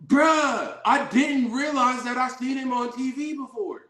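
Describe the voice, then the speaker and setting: Reacting on a livestream to the dating-show episode he appeared in, the host sounds often incredulous in his casual, slangy talk. Here his voice is extremely high-pitched, pushed and bright, and he speaks unhurriedly. The audio carries a roomy echo.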